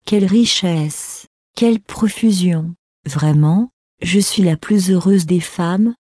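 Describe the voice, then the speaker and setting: A woman's voice: lowish voice, takes it slowly, a little mellow, no room sound, clean studio sound. A woman reading the part of a grieving desert mother, in an earnest, declamatory way. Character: grieving desert mother, proud then softening.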